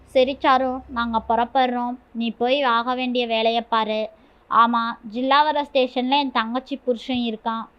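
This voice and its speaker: A man's voice: very high voice, flat delivery, a little slow, clean tone. A woman voicing a housemaid's generous husband who talks in a practical, reassuring way in a storybook reading. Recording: dull lo-fi with faint music.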